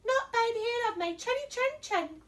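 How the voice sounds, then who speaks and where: Storybook little pig played by a woman: very high squeal, defiant and scared, picked up from a distance. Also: lively intonation, moderate pace, fairly bright tone, a little hiss or hum. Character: frightened, defiant little pigs in a children's storybook.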